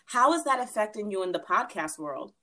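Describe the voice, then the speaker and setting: A woman's voice: medium pitch, sing-song, brisk, pushed and bright. A woman hosting a casual interview in an informal, chatty, conversational way. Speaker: interviewer, host.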